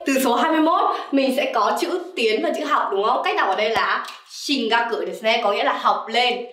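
A woman's voice: fairly high pitch, brisk, fairly bright tone, recorded from a distance. A young woman teaching Japanese vocabulary in a lesson, calling herself sensei and often checking with "right?". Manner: keeps asking "right?" as a checking tag. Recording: echoey room, voice off-mic.

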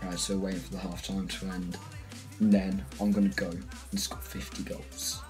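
A man's voice: low-pitched, monotone, moderate pace, over music, poor audio. A British man giving a casual, rambling, self-mocking voice-over on his own football gameplay. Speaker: gaming channel host.

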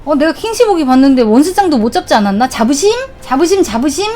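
A young woman streaming a video game in casual commentary, swearing freely and yelling at the game. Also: high-pitched, big pitch swings, quick pace. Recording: game music underneath. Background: game music.

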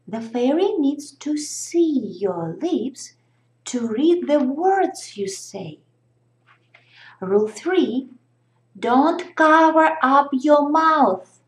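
Lady doing a fairy queen, kind but stern, slow and firm, roomy echo. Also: sits high, full character voice. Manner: measured, firm. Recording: echoey room.

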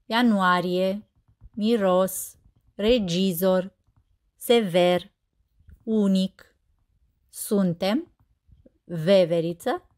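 A woman teacher narrating a scripted lesson, saying example words slowly and carefully. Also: medium pitch, darkish tone.

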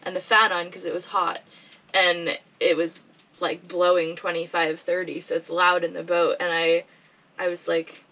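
A woman's voice: on the low side, moderate pace, recorded from a distance, rough recording. A woman in her thirties, a guest in a small boat cabin, telling stories with laughs and acted-out quotes. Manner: lively storyteller, laughs and acts out quotes. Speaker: guest sailor. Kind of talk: casual interview chat.

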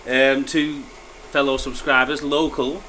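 A man's voice: mid-range voice, flat delivery, unhurried, bright, forceful tone. Dry-witted man, noisy workshop. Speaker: scrapyard worker. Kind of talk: casual workplace banter.

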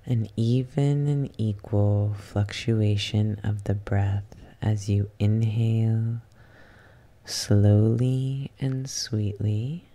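Leading a yoga nidra practice in ASMR style, this meditation guide speaks quietly and soothingly, never rushing and pausing at length. Intonation is fairly even, in a mid-range voice.

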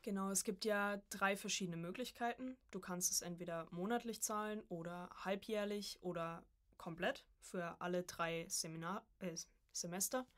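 A young woman in her early twenties, a voice acting student, appears as a podcast guest and tells her story casually in a relaxed interview. Her voice is medium in pitch and fairly bright, and she talks at a normal speed with hardly any pauses.

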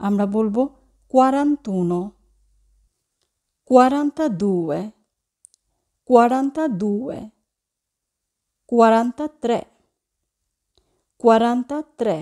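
A woman teaching a language lesson, slowly repeating each number twice and correcting common mispronunciations. Her first language is Bengali. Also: on the high side, dark tone. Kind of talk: slow, repetitive pronunciation lesson.

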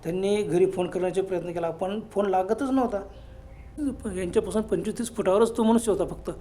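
A man narrating a horror story in a hushed, suspenseful way. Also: high-pitched, fairly even intonation, quick pace, slight background noise.

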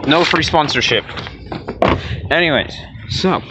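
A man's voice: on the high side, a little slow. Swearing guy filming a car repair. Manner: swears freely, sarcastic, rambling asides. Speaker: vlogger. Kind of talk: casual DIY repair vlog. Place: working on a car door. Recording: dull lo-fi with loud background noise.

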